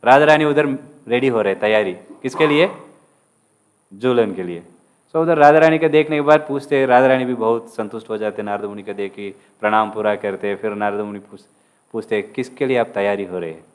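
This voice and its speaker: A man's voice: on the low side, smooth. A man giving a sermon as a casual story, acting out the lines of its figures and mixing English words into his speech. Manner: mixes English words into Hindi. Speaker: preacher telling a devotional story.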